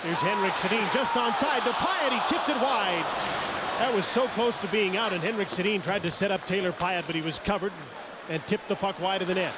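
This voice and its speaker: High-pitched hockey play-by-play man, loud arena noise. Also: brisk. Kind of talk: live sports commentary. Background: loud arena ambience.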